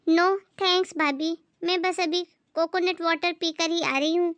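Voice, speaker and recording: A woman voicing a snobbish young sister-in-law who mocks and taunts in a slow, drawling way. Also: very high voice, fairly even intonation, a bit bright, no room sound. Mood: taunting.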